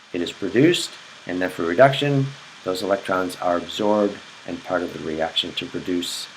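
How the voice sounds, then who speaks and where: A man's voice: fairly low pitch, slight background noise, poor audio. A man explaining chemistry in a recorded lecture, repeating key points and checking in with "okay?". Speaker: chemistry teacher.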